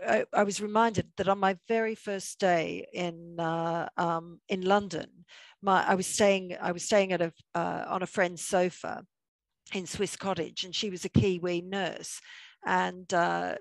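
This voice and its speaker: A woman's voice: fairly low pitch, no echo, rough recording. A woman from Australia, telling a chatty anecdote in a panel discussion.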